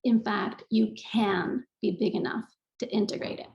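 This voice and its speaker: A woman's voice: medium pitch, fairly even intonation, moderate pace, gravelly, darkish tone, muffled recording. Earnest woman teaching in an echoey room. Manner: earnest, teacherly, repeats phrases for emphasis. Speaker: yoga speaker. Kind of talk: online talk with screen share.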